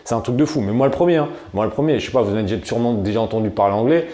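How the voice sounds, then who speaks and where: A man's voice: mid-range voice, rapid-fire, mellow. A man from France hosting an e-commerce video, giving casual advice straight to camera in a chatty, slangy way and talking to the viewer like a friend. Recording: roomy echo.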